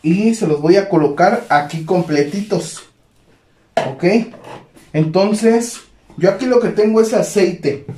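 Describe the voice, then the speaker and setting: High-voiced man teaching a home recipe. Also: slow. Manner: relaxed, many fillers, addresses viewers as friends. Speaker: cooking channel host. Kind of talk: home cooking demonstration. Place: home kitchen. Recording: echoey kitchen with faint noise.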